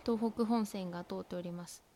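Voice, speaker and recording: A woman with a Tohoku accent chats on her own podcast in a soft, meandering way, full of fillers and little whispered asides. Her voice sits in an ordinary middle pitch. She records at home through a laptop's built-in mic. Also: steady tone, fairly quick, slight background noise. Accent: Tohoku Japanese. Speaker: podcast host. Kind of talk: casual solo radio chat. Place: at home by an open window.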